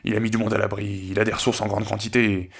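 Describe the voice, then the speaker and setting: A man playing a pragmatic, commanding rebel leader with a gravelly, husky voice in an audio drama. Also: lowish voice, level tone, fast talker. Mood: measured, wary.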